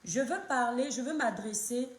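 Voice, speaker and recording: A woman with a fairly high voice hosts a casual live stream, hoarse from a cold. She greets her viewers by name again and again in a warm, repetitive patter. The room around her rings with echo. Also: normal speed. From Cameroon.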